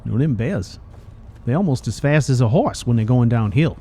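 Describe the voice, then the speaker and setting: A man's voice: medium pitch, animated, moderate pace, warm tone, natural voice. Man voicing a folksy old rusty robot, noisy background. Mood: boastful, amused. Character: folksy, cheeky old male robot companion. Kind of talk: video game character dialogue.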